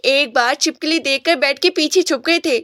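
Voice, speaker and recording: A woman's voice: sits high, bright, forceful tone, no room sound, studio quality. A woman voicing a playful younger sibling teasing about an older brother. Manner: playful, laughing.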